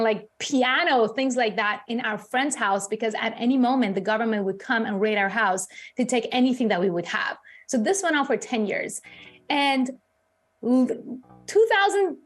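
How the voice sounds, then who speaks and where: A middle-aged woman born in Iran, a crypto author and CEO, answering in a live news interview in a chatty way, with lots of fillers. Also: on the high side.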